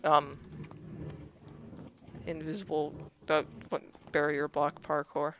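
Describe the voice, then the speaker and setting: A woman's voice: low-pitched, completely flat delivery, takes it slowly. A woman chatting casually as she plays through a game. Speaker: gamer playing a custom map. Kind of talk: casual gameplay chat. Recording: clearly noisy home game recording.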